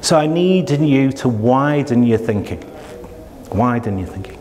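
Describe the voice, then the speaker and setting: A man's voice: mid-range voice, expressive, a little slow, darkish tone. A man teaching procurement to a room, asking rhetorical questions and acting out what buyers and suppliers say. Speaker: procurement trainer. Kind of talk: lecture to a room of trainees. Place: training room. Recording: long hall reverb.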